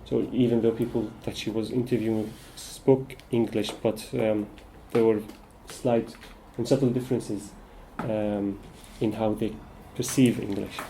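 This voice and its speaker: A man facilitating a casual group discussion, speaking hesitantly with many filler pauses. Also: on the low side, steady tone, creaky, warm tone, a little hiss or hum, rough recording.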